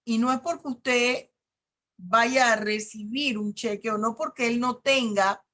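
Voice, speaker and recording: A middle-aged woman with a Panamanian Spanish accent lectures on law at an unhurried pace. Her voice sits a little high as she reads legal articles aloud and explains them with everyday examples. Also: steady tone, sharp tone. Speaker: law professor.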